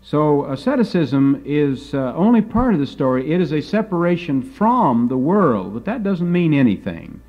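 A man's voice: on the high side, sing-song, normal speed, hardly any pauses, lo-fi sound. A man teaching a Bible lecture, moving between folksy storytelling and emphatic preaching.

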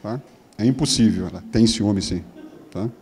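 A man with a Brazilian Portuguese accent giving a humorous lecture, joking and mimicking women's voices in a higher tone. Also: normal speed, a little mellow, soft background music. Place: lecture hall. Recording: long hall reverb.

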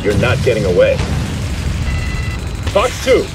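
A man's voice: lowish voice, huge pitch swings, measured pace, recorded from a distance. An actor playing a confident male squadron leader, giving clipped calls over radio through an oxygen mask. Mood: terse. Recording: game audio with music behind.

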